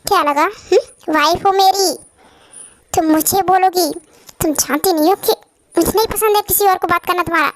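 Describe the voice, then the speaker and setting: A woman's voice: very high voice, normal speed, pauses often, dry recording. A woman doing a cold, possessive young husband. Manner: commanding, threatening. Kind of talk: fan dub drama.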